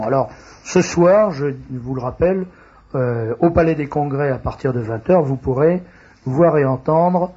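A man hosting a radio talk show, reading announcements in a halting way with frequent hesitations. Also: medium pitch, darkish tone, husky. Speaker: radio host. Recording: dull lo-fi radio recording.

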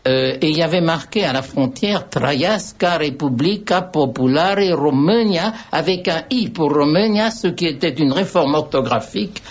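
A man's voice: on the high side, expressive, moderate pace, few pauses. An older man with a slightly raised voice speaks as a radio guest, wandering from one anecdote to the next with wry asides. The sound is a little dull, like an old radio broadcast. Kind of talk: radio conversation.

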